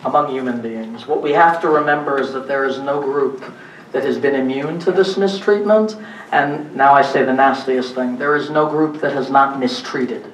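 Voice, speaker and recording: A man's voice: medium pitch, normal speed, far from the mic. A man giving a public lecture to an audience in a room, speaking emphatically and asking the audience rhetorical questions. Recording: echoey room recorded from afar, faint noise.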